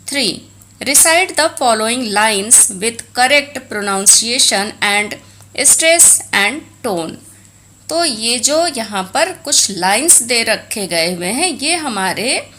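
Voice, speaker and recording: A woman's voice: on the high side, pushed and bright. A woman with an Indian accent teaching a textbook lesson, explaining in Hindi mixed with English and reading Sanskrit aloud.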